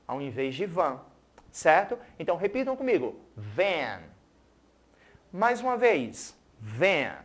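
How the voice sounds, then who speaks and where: Slow, lively teacher. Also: medium pitch. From Pernambuco, Brazil. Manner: keeps checking in with "certo?" and "né?"; speaks English words slowly for pupils to repeat. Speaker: English teacher. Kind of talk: recorded school TV lesson.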